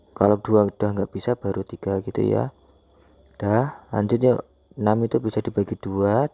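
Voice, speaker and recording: Male tutor, unhurried and dry-sounding, informal delivery for primary-school children, posing questions and answering them himself. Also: on the low side, creaky, mellow, no echo. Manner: informal, coaxing, asks and answers own questions. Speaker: maths teacher. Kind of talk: elementary maths lesson for children, step by step.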